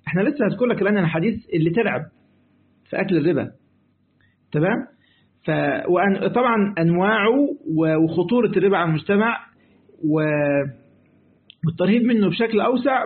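Egyptian male religious teacher, fast and high-pitched, colloquial lesson over a narrow lo-fi line. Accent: Egyptian Arabic. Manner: lively, acts out dialogues, switches between reading text and colloquial asides. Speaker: sheikh teaching Quranic exegesis. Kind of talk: colloquial lesson explaining a classical text. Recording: tinny phone-like audio.

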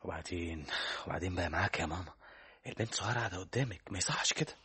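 An actor playing a patient young suitor in an Egyptian radio drama, speaking in a pleading, placating way. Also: male voice, low voice, very fast, pushed and bright, a little hiss or hum.

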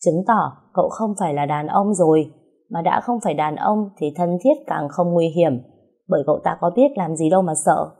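A woman narrating a story in a steady, even way. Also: fairly low pitch, normal speed, creaky, breathy edge.

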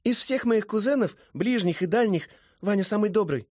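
A man's voice: high-pitched, expressive, normal speed, darkish tone, dry recording, clean studio sound, pitched above the performer's own voice. A man voicing a bubbly, friendly young woman, with a raised voice. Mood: fond. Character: giggly, lively young woman.

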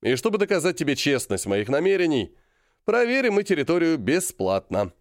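Male reader as scheming colonel, jovial, higher voice, lively, drawn-out emphasis, dry sound. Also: dry recording. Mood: bantering.

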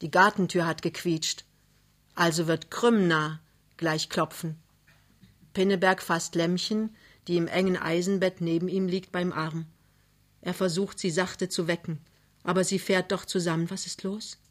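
A woman reading a novel aloud in a calm, measured narration. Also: fairly low pitch. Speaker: reader. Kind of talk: literary reading.

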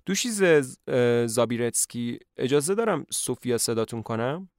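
A man's voice: mid-range voice, lively intonation, a little mellow, dry recording, studio quality, lightly acted. A man voicing an earnest young male teacher in a narrated play, polite and a little hesitant.

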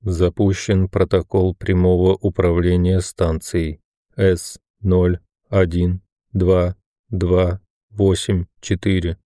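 A man voicing an emotionless station computer that speaks in a mechanical, metallic, lifeless monotone. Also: low voice, slow, no echo, studio quality, voice pushed down. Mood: impassive. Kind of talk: audiobook narration.

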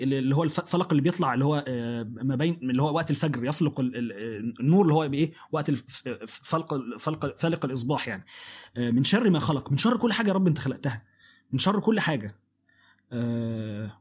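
Husky Egyptian man, quick fast teacher, stumbles and restarts, slightly high voice. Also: a little mellow. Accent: Egyptian Arabic. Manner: halting, many restarts and fillers. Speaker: Quran study teacher. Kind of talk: casual Quran lesson.

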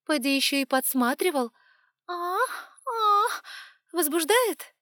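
A woman voicing a fiery young heroine in an audiobook, high, loud and emotional, with shrill outbursts. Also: expressive, slow, no room sound, studio quality, exaggerated voice. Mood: taunting. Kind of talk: audiobook character voice.

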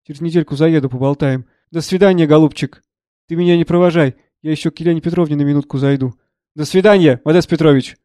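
A man reading the part of a gruff, blunt elderly friend who speaks curtly and probes. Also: a little high, quick pace, dark tone, no echo, natural voice. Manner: curt, dry, probing.

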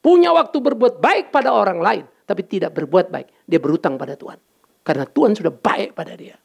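A male pastor delivers a lively church sermon, bantering with the congregation and tossing in English phrases. His voice sits high and swings widely in pitch. A strong gravelly fry runs through his speech. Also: fairly quick. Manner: animated, banters with congregation, mixes in English words.

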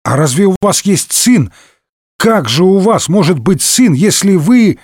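A man voicing an excitable young Gascon musketeer in a comic audiobook. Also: mid-range voice, normal speed, dry recording, clean studio sound. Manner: excitable, exclamatory.

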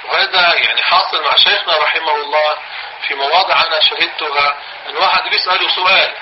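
Levantine man, religious class teacher, slow repeated explanations, dictates notes, faint hiss. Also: a little high. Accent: Levantine Arabic. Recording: dull lo-fi recording, faint hiss.

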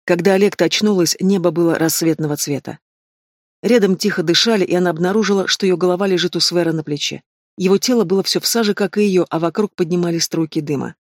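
A man reads a fantasy audiobook in a measured storytelling manner. His voice sits high for a man, and the sound is close and dry. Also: dry recording. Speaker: audiobook narrator. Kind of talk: scripted fantasy narration.

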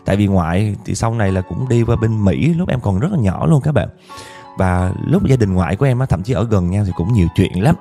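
A man with a Southern Vietnamese accent narrates a listener's life story in the first person, chatty and confiding, often turning to speak to his audience. His voice is low and mellow, with faint music playing behind him. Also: lively intonation, brisk.

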